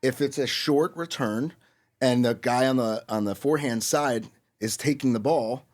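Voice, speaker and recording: A man's voice: medium pitch, moderate pace. A man co-hosting a podcast in casual chat, boastful and rambling with lots of fillers. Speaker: podcast co-host.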